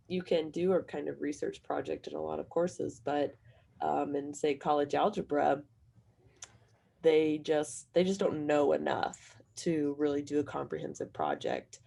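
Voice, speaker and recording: Hoarse woman, low and gravelly, math instructor on a panel, rambling answer. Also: steady tone, measured pace, darkish tone. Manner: rambling, self-deprecating, chuckles while talking. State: hoarse from allergies.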